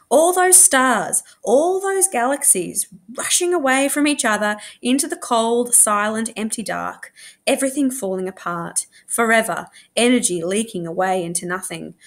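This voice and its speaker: This fairly high-voiced woman brings a story to life the way a school librarian might, her intonation swooping and lively. She's animated throughout and performs the characters' dialogue.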